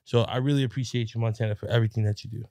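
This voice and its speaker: A man's voice: mid-range voice, steady tone, racing, dark tone, dry recording. Brief: male podcast host, easy interview tone, dry close mic. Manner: frequent "right" backchannels, friendly questions.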